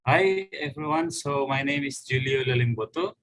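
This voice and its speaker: A young student with an Indonesian accent presenting hesitantly in a casual class call, with many fillers. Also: male voice, mid-range voice, moderate pace, a bit bright, poor audio. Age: young adult. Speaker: student panelist.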